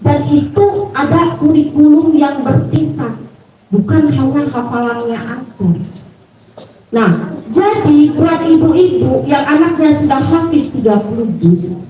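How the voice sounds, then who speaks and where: Woman, parenting talk to mothers, lively storyteller, very roomy hall, heard from a distance. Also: measured pace, muffled recording. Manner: lively storytelling, swings up high when excited. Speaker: parenting speaker. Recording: echoey hall, distant from the mic.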